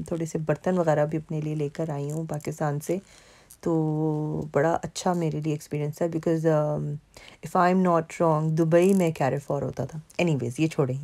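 A Pakistani woman vlogger with a low, gravelly, dark voice narrates over mall footage. She keeps it casual and chatty, using lots of fillers.

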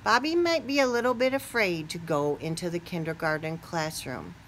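In a small classroom indoors, a middle-aged American woman reads aloud to her kindergarten class, talking to the little ones in an animated, playful way with exaggerated questions and reactions. Her voice sits on the low side at a moderate pace, with a little hiss or hum on the recording.

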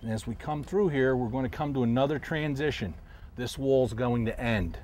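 A middle-aged man, a professional angler, calmly explaining his technique while fishing from a boat on a river, recorded outdoors on a lapel mic. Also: medium pitch, moderate pace. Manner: calm, explanatory, talks while casting. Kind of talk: instructional fishing commentary. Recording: faint outdoor noise.

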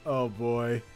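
A man hosting a casual gaming stream, excitable and laughing often as he plays and reads viewer comments. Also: mid-range voice. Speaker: streamer host.

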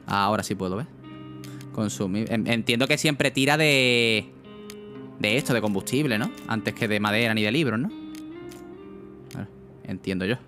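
A young man chats through a gaming livestream in a loose, casual way. He swears freely and keeps turning to his viewers for advice. Soft music plays faintly underneath. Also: lowish voice, normal speed, pauses often. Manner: casual, chatty, asks chat often, swears. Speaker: streamer.

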